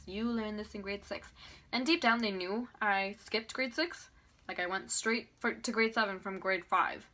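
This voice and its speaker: A woman in her twenties from Venezuela, telling a chatty, animated storytime on her vlog and laughing often. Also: a little high. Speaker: beauty vlogger.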